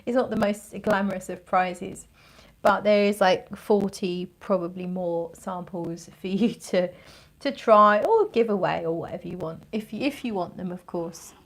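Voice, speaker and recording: A woman with a mid-range voice chats casually as she hosts a livestream review. She thinks out loud, wandering through her impressions and feeling around for the right word. The delivery is informal and conversational. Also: medium pitch, normal speed. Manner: rambling and conversational, searching for words. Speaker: fragrance reviewer and livestream host. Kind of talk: casual livestream chat, thinking aloud while reviewing scents.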